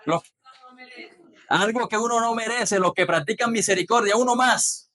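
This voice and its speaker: A man preaching a sermon, retelling scripture in an animated way and putting questions to the congregation. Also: sits high, normal speed.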